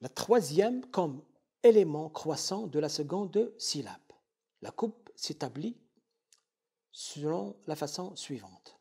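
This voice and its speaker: Slow, husky-voiced male professor lecturing. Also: fairly high pitch, sing-song, warm tone. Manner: deliberate, repeats and spells out syllables as examples. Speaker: university professor. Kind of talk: university lecture.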